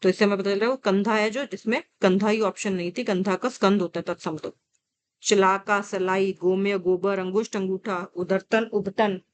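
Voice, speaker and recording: A woman teaching an exam-prep vocabulary lesson, reading word lists slowly with coaxing asides to students. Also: mid-range voice, fairly even intonation, a little hiss or hum.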